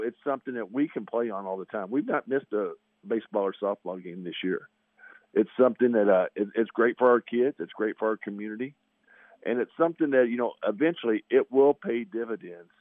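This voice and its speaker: A man's voice: mid-range voice, no echo. A fifty-year-old man, an athletic director, talking in a chatty, folksy way on a radio show, his voice nasal and congested from allergies. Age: 50s. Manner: chatty, folksy, repeats himself. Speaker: high school athletic director. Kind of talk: phone-in radio interview. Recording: tinny phone line.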